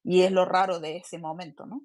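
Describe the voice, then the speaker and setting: A woman's voice: fairly low pitch, level tone, a little fast, darkish tone. A woman guest answering guardedly, hesitant and repeating herself. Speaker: interview guest. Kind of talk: interview answers.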